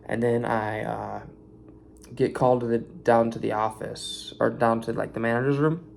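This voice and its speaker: Tired, gravelly young man venting. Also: mid-range voice, steady tone, moderate pace, darkish tone, slight background noise. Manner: tired, venting, swearing, rambling. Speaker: warehouse worker venting after a shift. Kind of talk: casual vlog rant.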